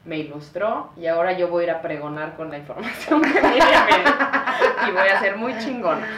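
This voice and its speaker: A woman's voice: lowish voice, normal speed, over music. A Mexican woman co-hosting a podcast, joking around in slangy casual talk and swearing freely. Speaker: podcast co-host. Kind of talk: casual chat. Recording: echoey room, mic far off, clear noise.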